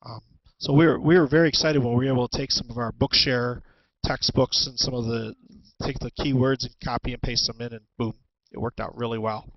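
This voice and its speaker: A man presenting an instructional webinar as a teacher, talking through tools in a halting way with many ums and restarts, on a headset. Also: medium pitch, fairly even intonation, no room sound, lo-fi sound. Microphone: headset with headphones.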